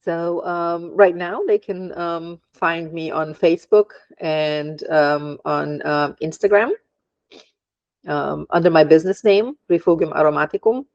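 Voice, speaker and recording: Brief: low female voice, hesitant, dull dry recording. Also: fairly even intonation, measured pace, darkish tone, dry recording. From Germany. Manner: hesitant, many ums, laughs often. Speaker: podcast guest, aromatherapist. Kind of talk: casual interview chat.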